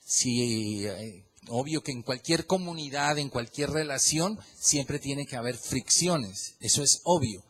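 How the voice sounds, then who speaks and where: A man preaching a sermon in church, swinging from loud emphatic questions to quiet prayerful tones. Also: medium pitch, expressive, slow pace, husky. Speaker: pastor.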